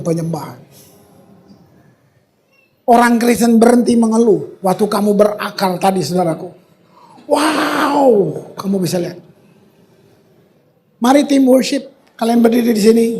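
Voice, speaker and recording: A man preaches from a church stage in a lively, animated voice. He moves between relaxed, casual slang and scripture reading, with dramatic pauses and sudden loud outbursts. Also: sits high. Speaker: pastor. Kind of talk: sermon.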